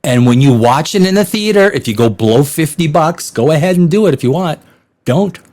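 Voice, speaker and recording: A man's voice: fairly high pitch, expressive, moderate pace, a little mellow. A man hosting a blunt, sarcastic movie review, laughing often as he rants. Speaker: film critic host.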